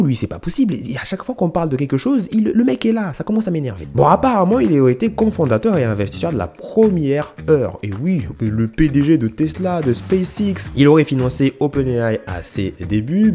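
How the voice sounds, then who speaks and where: A man's voice: medium pitch, dark tone. A young man hosting a casual, comedic explainer video, rambling into jokes and self-mocking asides. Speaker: storytime YouTuber.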